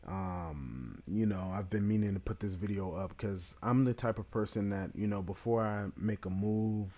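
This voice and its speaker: A young man talking casually to camera, giving his review of a certification exam, relaxed and chatty with many fillers. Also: lowish voice, moderate pace.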